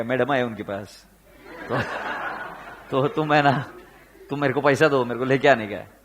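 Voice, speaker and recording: A man with an Indian accent teaching accounts, telling animated anecdotes and acting out the people in them, with rhetorical questions to his students. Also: mid-range voice. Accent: Indian, Pune area. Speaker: accounts lecturer. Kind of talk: storytelling lecture mixing Hindi and English.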